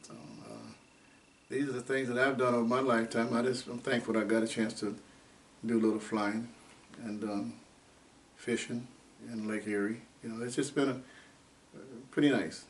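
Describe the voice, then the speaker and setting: Octogenarian Ohio man, interviewee; meandering storyteller, picked up from a distance with faint noise. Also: medium pitch. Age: 80s. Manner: unhurried, rambling, with many fillers. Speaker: oral history interviewee. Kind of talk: unscripted life-story reminiscing.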